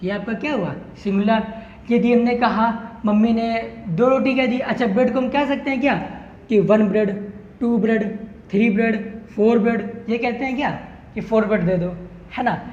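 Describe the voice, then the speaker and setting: A man with a very high, slightly mellow voice speaks at a normal speed. He's an English teacher running an online lesson, posing questions to the class and answering them himself to drill each point. The recording has a roomy echo, a dull lo-fi quality, and faint hiss.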